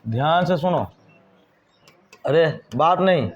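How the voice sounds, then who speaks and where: High-voiced man teaching grammar, lo-fi. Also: expressive, takes it slowly, slight background noise. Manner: repeats questions to the class and answers them himself. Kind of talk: whiteboard grammar lesson. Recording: dull lo-fi recording.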